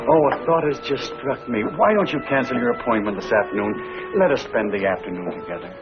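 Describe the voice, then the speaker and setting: An actor playing a courtly gentleman suitor in an old broadcast drama, speaking with formal gallantry and effusive compliments. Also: mid-range voice, fairly quick, dull audio, music in the background, lightly acted. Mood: gallant, admiring. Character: courtly, flattering gentleman suitor who loves poetry. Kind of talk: old-time broadcast comedy-drama acting. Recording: noisy vintage broadcast recording.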